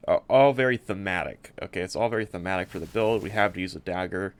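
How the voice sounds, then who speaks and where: A low-voiced man, recorded with a clean tone, presents a game build casually and without a script. He rambles and halts, often repeating words.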